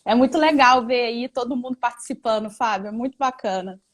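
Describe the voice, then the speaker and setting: A woman's voice: on the high side, brisk. A woman hosting a live-stream interview, chatty and friendly toward her guest, with frequent conversational fillers.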